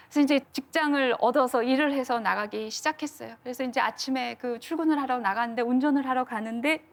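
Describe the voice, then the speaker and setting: A middle-aged woman lecturing to an audience, telling stories earnestly and acting out the quotes. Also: sits high. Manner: earnest storytelling with acted-out quotes.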